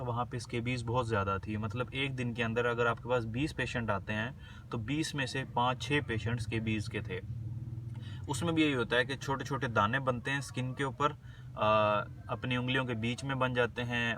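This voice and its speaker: A man giving a medical lecture. He reads English definitions slowly, then explains them casually in Hindi. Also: medium pitch, sharp tone, recorded from a distance, a little hiss or hum.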